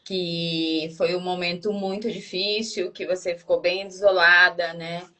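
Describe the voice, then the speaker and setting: A woman with a Brazilian accent hosting a live interview, asking her guest gentle, hesitant questions with many fillers. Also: lowish voice, flat delivery, a little slow. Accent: Brazilian Portuguese. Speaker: host.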